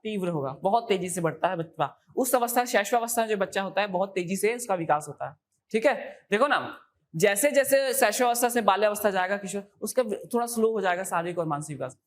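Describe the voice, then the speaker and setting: A woman's voice: medium pitch, animated, quick pace. A woman teaching an exam coaching class in a classroom, repeating key terms and quizzing her students with questions.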